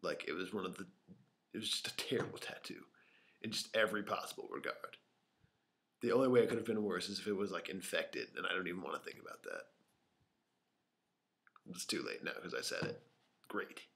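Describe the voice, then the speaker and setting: Deep-voiced young man rambling to camera. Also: a little fast, long pauses, a bit bright. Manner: rambling, many fillers, drops to a whisper at times. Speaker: vlogger. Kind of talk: unscripted casual storytelling to camera. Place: small empty room with open windows. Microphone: camera microphone.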